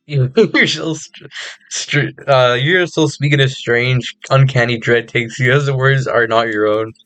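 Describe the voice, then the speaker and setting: A man's voice: medium pitch, a little slow, a bit bright, no echo, faint music behind. Giggly man reading game text. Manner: giggly, stumbling reader. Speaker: gaming streamer. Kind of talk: reading game narration aloud.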